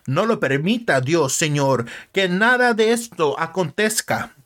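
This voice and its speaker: Peter, an eager male disciple, read by a man in a light, fairly high everyday voice. The words are read plainly, with little put-on character. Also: lively intonation, unhurried, a bit bright. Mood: earnest.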